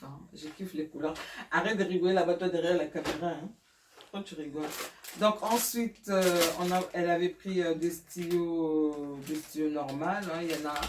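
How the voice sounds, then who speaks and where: A middle-aged woman chats her way through a home vlog, pausing often and laughing at her own slips. She sounds a little distant from the microphone, in a roomy space with a faint hiss behind her. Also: sits low, a little mellow. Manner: chatty, hesitant, laughs at herself, many fillers. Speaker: mother showing school supplies.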